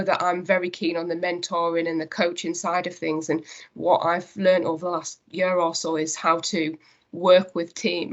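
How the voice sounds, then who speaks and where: A woman from Northeast England, with a lowish voice and that region's accent, speaks earnestly as a company director in a conversational interview. The audio sounds dull.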